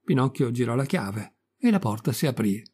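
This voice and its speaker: A man narrating a children's classic as an audiobook reader, in a steady, measured reading. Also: medium pitch, husky. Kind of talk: storybook narration.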